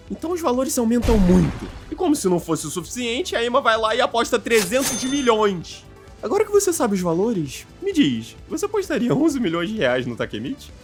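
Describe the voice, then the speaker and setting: A Brazilian man as guest co-host, reading a scripted commentary recap with sarcastic jabs. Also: high voice. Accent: Brazilian Portuguese. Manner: sarcastic, swooping delivery.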